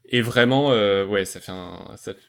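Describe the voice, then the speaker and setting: Chatty podcast host guy, kinda low voice, excited, stumbles a lot. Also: moderate pace, gravelly, smooth. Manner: enthusiastic, hesitant with many fillers. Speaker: podcast host reviewing animated series. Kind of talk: casual chat.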